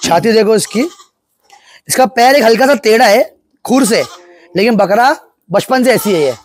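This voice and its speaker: With a high, animated voice at a moderate pace, a goat farm seller gives a casual walkthrough of his outdoor pen, eagerly showing off the goats, pointing out their features and naming prices. A nearby phone captures it.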